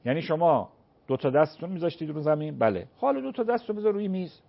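A man with a slightly raised pitch explains religious rulings in measured, drawn-out phrases, sometimes reciting prayer words to demonstrate. The sound is a little dull and muffled, like broadcast audio. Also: expressive, creaky. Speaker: cleric answering religious questions. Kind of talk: call-in religious Q&A.

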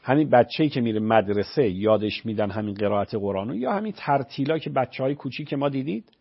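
A man's voice: medium pitch, expressive, gravelly, slightly rough. A man, a religious scholar on a radio call-in show, patiently explaining rulings with everyday examples. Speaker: religious scholar answering callers. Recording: dull lo-fi radio broadcast.

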